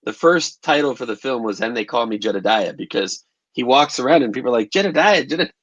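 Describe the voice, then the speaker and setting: A documentary filmmaker and photographer, a man with a mid-range voice, answers interview questions at a fairly quick pace. He is thoughtful and conversational, frequently restarting phrases as he recalls events. The recording is dry, with the high frequencies cut off.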